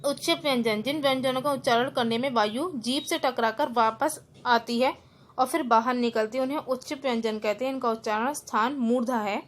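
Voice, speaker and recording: A woman teacher with a fairly high voice takes students through a grammar lesson. She breaks words apart sound by sound and then explains each rule again more simply, slipping English terms in along the way. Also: brisk. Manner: spells out words letter by letter. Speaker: school teacher.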